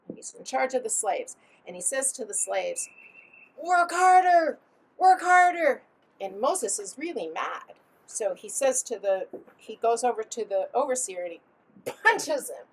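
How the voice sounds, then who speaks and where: A woman telling a story to children at a family gathering at home, in a playful, animated way with dramatic swings in pitch. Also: a little hiss or hum, poor audio. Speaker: storyteller at a family Passover seder.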